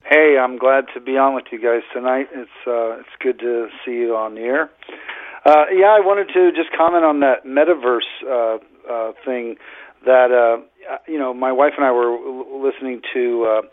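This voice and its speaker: A man calling in to a radio talk show, speaking haltingly with many fillers and restarts, heard over a phone line. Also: mid-range voice, steady tone, no room sound. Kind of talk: casual call-in chat.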